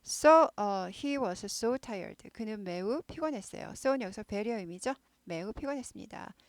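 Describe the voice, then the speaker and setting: A woman teaches English to Korean learners and walks through a news story one phrase at a time. She repeats words over and over and slows right down for the English phrases. Her voice sits in a middle range, recorded dry and close. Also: mid-range voice, animated, dry recording.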